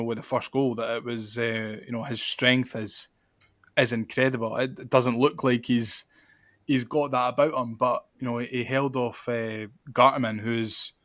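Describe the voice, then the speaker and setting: A man's voice: medium pitch, no room sound. Podcast host, male, Scottish accent. Casual football chat, level intonation, very dry recording.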